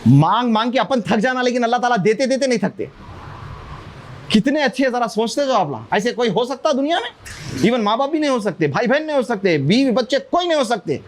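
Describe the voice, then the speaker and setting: A man giving an animated religious talk to schoolchildren, asking them questions and acting out their prayers. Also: extremely high pitch, brisk. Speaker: speaker at a school. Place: school classroom.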